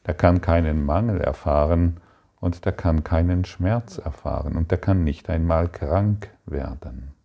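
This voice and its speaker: A man giving a calm, meditative spiritual talk, speaking slowly and soothingly with long pauses. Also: deep voice, vocal fry, lo-fi sound. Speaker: spiritual teacher.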